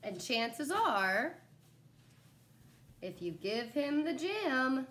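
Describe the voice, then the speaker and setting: Lively, higher-voiced young woman reading aloud. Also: slight background noise. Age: young adult. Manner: animated, pausing to ask young listeners questions. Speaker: teacher reading a picture book to children. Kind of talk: expressive children's storybook read-aloud with asides to listeners. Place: small living room at home, indoors. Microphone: phone camera a short distance away.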